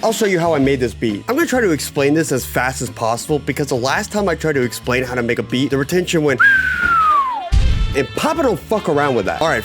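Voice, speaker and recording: A young man talks through his comedy vlog in a mid-range voice, cracking profane jokes and mocking himself as he goes. Light music sits faintly underneath. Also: medium pitch. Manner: jokey, profane, self-mocking. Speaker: YouTube music creator.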